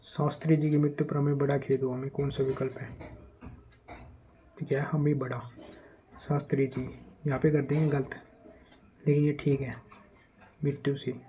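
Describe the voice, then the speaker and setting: A man teaching an exam-prep grammar lesson in a conversational way. He reads the test sentences slowly and speeds up when he warns about common traps. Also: mid-range voice, little pitch movement, mellow, slight background noise, rough recording.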